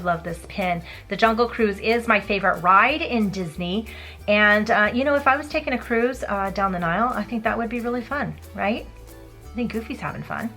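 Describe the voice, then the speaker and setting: Woman, enthusiastic collector vlog host, bright forward voice, light music underneath. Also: mid-range voice. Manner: gushing, enthusiastic, chatty. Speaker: pin collector vlogger. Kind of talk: casual show-and-tell vlog.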